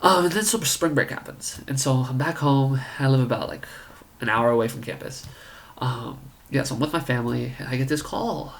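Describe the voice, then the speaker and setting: A man's voice: mid-range voice, fairly quick, vocal fry. A man in his twenties casually telling a story about his own life, rambling and full of "like" and "you know". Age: 20s. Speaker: college student storyteller.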